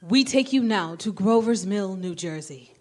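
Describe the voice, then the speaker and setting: An actress playing a brisk, formal female studio announcer reading bulletins in a declamatory 1930s radio drama style. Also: medium pitch, expressive. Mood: formal, urgent. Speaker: stage actor in a radio play.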